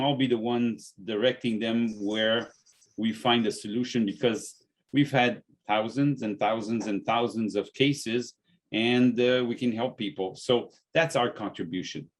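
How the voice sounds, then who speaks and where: Halting man on a podcast. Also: medium pitch. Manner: halting, repeats words often. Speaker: podcast host and natural health business owner. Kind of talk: casual podcast chat.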